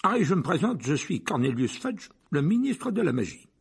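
A man's voice: on the high side, very animated, normal speed, husky, voice pushed up, exaggerated voice. A man voicing a plump, weary male government minister who speaks in a curt, fussy, officious way. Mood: brusque.

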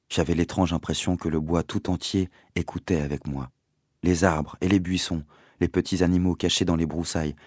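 A man reading a novel aloud in the first person, measured and expressive. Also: low voice, no echo, clean studio sound. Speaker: audiobook narrator. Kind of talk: scripted narration of a novel.

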